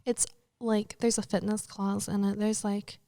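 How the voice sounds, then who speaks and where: A woman's voice: mid-range voice, level tone, measured pace, warm tone, a little hiss or hum. A woman who is a guest on a casual interview podcast, chatty and profane, and she laughs easily.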